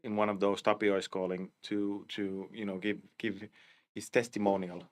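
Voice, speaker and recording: A man, a cinematics director, talking casually in an interview, halting with many restarts and fillers. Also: fairly low pitch, level tone. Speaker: live action and cinematics director.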